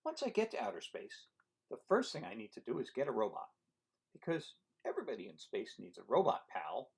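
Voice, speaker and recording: A man reading a picture book aloud as an eager young boy who dreams of outer space, in a wide-eyed, excited storybook voice. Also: medium pitch, a little fast, gravelly, breathy edge, heavily acted.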